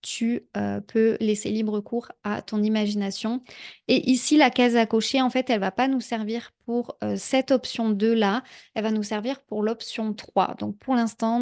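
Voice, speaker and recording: A woman talking a viewer through a software tutorial in a casual, chatty way, with frequent fillers. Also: a little high. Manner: chatty, many "heu" fillers, speaks directly to viewer. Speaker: productivity tutorial creator. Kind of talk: casual screen-share tutorial.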